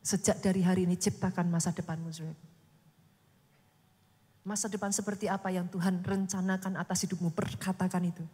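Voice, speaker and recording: A woman pastor preaching a sermon, animated and constantly addressing the congregation, acting out quoted speech with dramatic swings. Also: lowish voice, brisk, in a large hall. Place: church.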